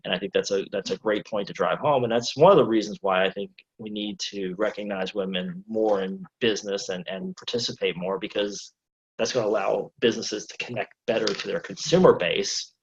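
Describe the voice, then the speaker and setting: Low-voiced guy hosting, lots of you-knows, kinda muffled lo-fi sound. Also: steady tone, brisk. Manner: talks in long, rambling sentences with many you-knows. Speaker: host. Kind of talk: casual interview chat.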